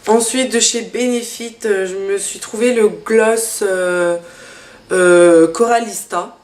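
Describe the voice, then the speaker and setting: Woman, casual haul vlog, hesitant fillers, middle pitch, echoey room. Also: steady tone, slow pace, darkish tone. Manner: chatty, hesitant with many fillers. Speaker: beauty vlogger.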